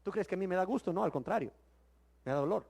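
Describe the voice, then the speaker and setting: This man's Bible teaching comes as a sermon delivered quickly in a high, animated, creaky voice. He leans on rhetorical questions and emphasis, alternating loud exclamations with hushed words.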